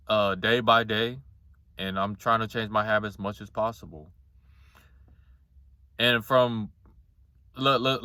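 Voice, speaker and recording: A man in his twenties with a somewhat monotone voice, talking casually and bluntly to the camera in a rambling, confessional way with some swearing. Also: medium pitch, smooth, no room sound. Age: 20s. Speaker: vlogger.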